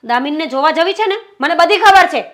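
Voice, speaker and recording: A woman's voice: extremely high pitch, lively intonation, fast talker, fairly bright tone. A woman playing a jealous accusing wife. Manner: accusing and sarcastic. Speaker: suspicious wife. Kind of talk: Gujarati short-film family drama acting.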